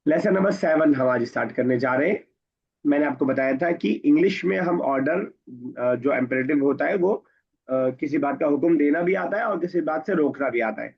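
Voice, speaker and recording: A man's voice: on the high side, moderate pace, gravelly, breathy edge. A man teaching an Arabic grammar class, patiently explaining and quizzing his students. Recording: dull lo-fi recording.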